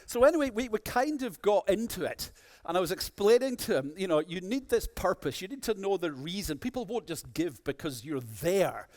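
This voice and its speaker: Male keynote speaker, animated, slightly high voice, sarcastic anecdote style. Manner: lively, sarcastic storyteller. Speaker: conference speaker.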